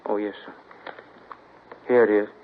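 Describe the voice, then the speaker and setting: This man speaks on the low side in a level, natural voice, a little slowly. He plays a young adult suspect from New Orleans in a 1950s radio drama, nervous and evasive, with a hesitant Southern drawl, heard through old lo-fi broadcast audio with a husky quality.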